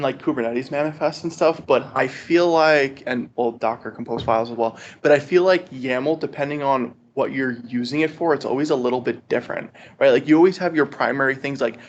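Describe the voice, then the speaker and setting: At a group meetup linked by video call, a man gives a study group an informal technical walkthrough, speaking conversationally and often checking in with "right?". His medium-pitched voice is brisk with few pauses, and the lo-fi audio is dull with background noise.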